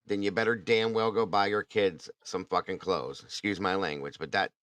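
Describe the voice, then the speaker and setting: A man's voice: low voice, steady tone, moderate pace, a bit bright, clear, resonant tone, dry recording. A man hosting a casual true crime talk, blunt and indignant, swearing now and then. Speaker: true crime podcast host. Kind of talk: casual chat.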